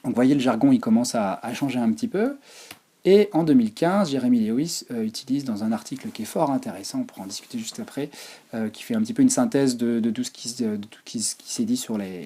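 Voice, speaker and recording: A man's voice: mid-range voice, warm tone, slightly rough. A man presenting a physiotherapy talk over slides, hesitant, with many fillers and restarts. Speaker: physiotherapy lecturer.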